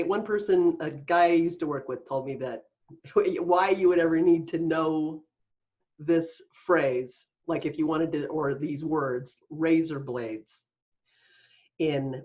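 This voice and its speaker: A woman's voice: sits low, a little mellow. Woman, casual podcast chat, giggly, playful, muffled lo-fi sound. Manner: giggly, playful, breaks into snatches of song. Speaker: podcast co-host. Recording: dull lo-fi podcast audio.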